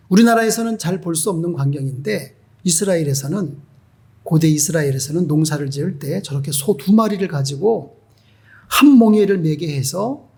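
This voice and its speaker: High-voiced, husky male pastor preaching. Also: warm tone. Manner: emphatic, asks the congregation rhetorical questions. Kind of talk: sermon.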